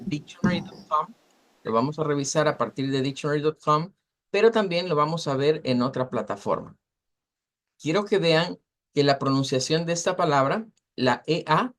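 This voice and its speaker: Teaching English pronunciation online in Spanish, this fairly high-pitched man explains things patiently. He repeats words slowly and uses many fillers.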